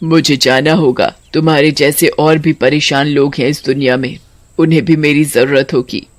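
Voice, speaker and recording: A woman voicing a vengeful but kindly female witch spirit in a cartoon horror story, with a low, taunting voice. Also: fairly even intonation, moderate pace, no room sound. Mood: stern.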